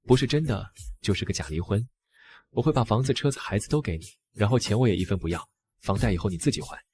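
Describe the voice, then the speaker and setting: An actor playing a shameless scheming husband in a drama, talking fast with a husky, low voice. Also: male voice, lively intonation, a little mellow. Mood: coaxing. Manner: fast, pleading then scornful. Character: shameless scheming husband, young adult man. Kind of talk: dubbed drama acting.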